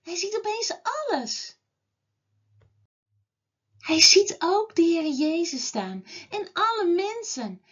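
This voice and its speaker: Slow, lively woman telling a Bible story. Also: very high voice, highs cut off. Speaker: children's Bible class teacher. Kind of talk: storytelling to children.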